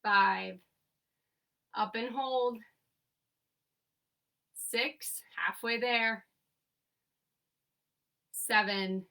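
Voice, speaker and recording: Young woman instructor, clear bright voice, slow counting, set back from the mic. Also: fairly high pitch, far from the mic. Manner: counting reps aloud, upbeat coaching cues. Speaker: exercise instructor. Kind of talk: leading a seated workout class. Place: home, remote class. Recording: voice from away from the mic.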